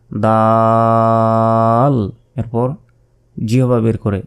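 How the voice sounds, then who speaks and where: Speaking at medium pitch with a mellow quality, this man patiently guides learners through Arabic letter sounds. He stretches out each one and repeats it, explaining slowly step by step.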